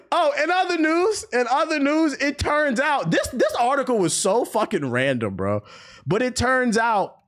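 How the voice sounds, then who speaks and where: A young man riffs casually on gaming news during a live stream, mocking and profane, with bursts of laughter between comments. His voice is very high, he talks a little slowly, and he leaves long pauses in his animated banter.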